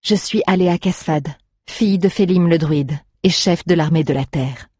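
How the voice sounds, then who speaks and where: A storyteller voicing a calm, resolute young girl who speaks steadily. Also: medium pitch, normal speed, no room sound, studio quality, natural voice.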